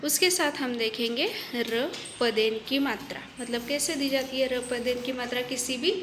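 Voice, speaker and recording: A woman's voice: high-pitched, normal speed, noisy background. A woman teacher giving a children's lesson, patient and repetitive, checking in with the class often. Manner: patient, repeats each point, checks in with "ok".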